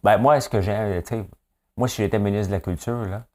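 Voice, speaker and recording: A man's voice: lowish voice, a little fast, a little mellow. A man with a Québécois accent hosting a casual news commentary, blunt and opinionated with a joking edge. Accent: Québécois French. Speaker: host of a daily news chat.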